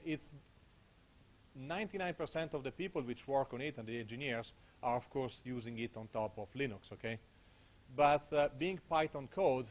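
A medium-pitched man in his thirties, from Italy and speaking with an Italian accent, presents at a technical conference. He uses a handheld mic in a small room. His style is informal and conversational, and he keeps checking in with "okay?"

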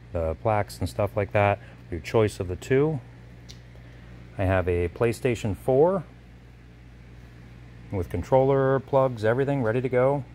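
A man previews auction lots in a gallery warehouse while filming on a handheld phone camera, briskly listing items one by one in short bursts. His voice is mid-range and a little mellow, with a little hiss or hum in the audio.

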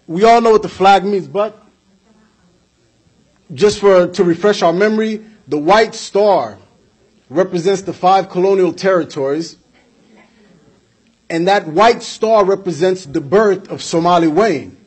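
Speaking at a community event in an indoor hall with flags at his back, a young man from the United States pushes his politics hard into a stand-mounted podium microphone. His high-pitched, slightly rough and somewhat mellow voice keeps a measured pace with frequent pauses, and he gestures while repeating key points.

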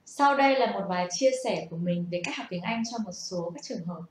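A woman's voice: lowish voice, expressive, brisk. A young woman gives a casual, patient spoken lesson and asks the listener rhetorical questions. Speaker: self-taught English learner sharing tips. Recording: echoey room.

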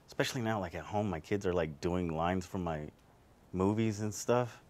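A man's voice: low voice, moderate pace, a little mellow, lightly acted. A man playing a frustrated actor who pushes his agent for new kinds of roles, talking earnestly and with growing exasperation.

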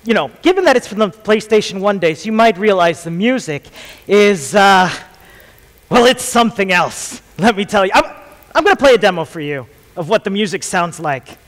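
A man's voice: high voice, expressive, normal speed, fairly bright tone. A man from Chile in his thirties giving a jokey, chatty conference talk on stage with a headset mic, with lots of ums. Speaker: conference speaker. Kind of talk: casual tech talk. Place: large theatre stage. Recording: long hall reverb.

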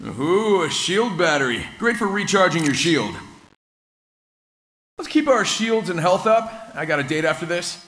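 A cocky male squadmate in a video game, teasing a rookie as he shows the ropes. His voice sits a bit high and swoops lively up and down, with a bright, forward edge. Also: a little slow, heavily acted. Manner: teasing, joking, bouncy delivery. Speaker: tutorial guide character. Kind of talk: game voice acting.

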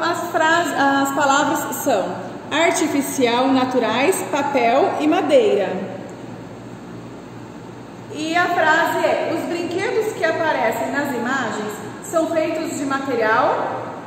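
High-voiced teacher in an echoey classroom. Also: female voice, far from the mic, background noise. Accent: Brazilian Portuguese. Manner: patient, explains step by step to children. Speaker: primary school teacher. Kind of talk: online class lesson. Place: classroom with chalkboard. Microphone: camera across the room.

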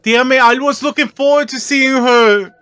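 A man's voice: very high-pitched, fairly even intonation, normal speed, pushed and bright, smooth, no echo, faint music behind. A man doing casual, slangy gameplay commentary, talking to the characters on a close microphone. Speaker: gaming streamer.

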